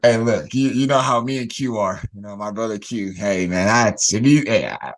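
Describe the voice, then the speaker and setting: A man hosting a casual podcast, emphatic and animated, often repeating words as he talks. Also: fairly low pitch, moderate pace. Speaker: podcast host.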